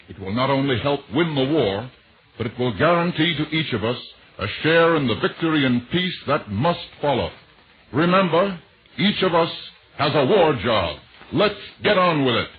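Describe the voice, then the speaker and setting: The scripted war bond appeal comes from a man announcing in 1940s radio fashion, earnest and emphatic. His mid-range voice is expressive with a breathy edge at a moderate pace, heard through tinny, noisy vintage audio.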